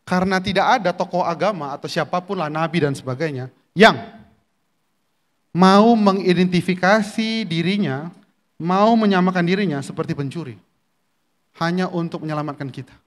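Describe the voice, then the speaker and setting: A man preaching a sermon in a church, with a fairly high voice. His delivery is chatty and informal, and he keeps putting questions to the congregation. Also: moderate pace, long pauses. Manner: conversational, often asks the congregation questions. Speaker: pastor.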